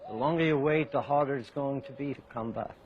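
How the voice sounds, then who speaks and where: An actor playing a party official who urges in a measured, persuasive way. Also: male voice, mid-range voice, lo-fi sound, close to an everyday voice. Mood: pressing. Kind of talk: film drama.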